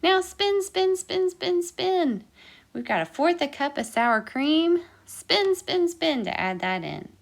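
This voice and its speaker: A woman with a very high voice, vocal fry, and big pitch swings talks at a slow pace. Leading a kids' baking storytime with counting and singing, she urges listeners on through sing-song instructions she repeats again and again.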